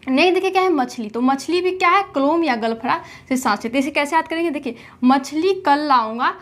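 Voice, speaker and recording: A woman with a notably high voice teaches a general knowledge lesson, walking through memory tricks step by step. She poses a question, answers it herself, then goes over the same point again. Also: fairly quick. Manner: keeps asking rhetorical questions and answering them herself; repeats each point several times.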